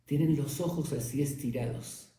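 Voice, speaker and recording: A man's voice: medium pitch, normal speed, dark tone, far from the mic, close to an everyday voice. A man voicing a provocative young man who pesters with silly questions in a mock-innocent way, in a very echoey room. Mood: pestering.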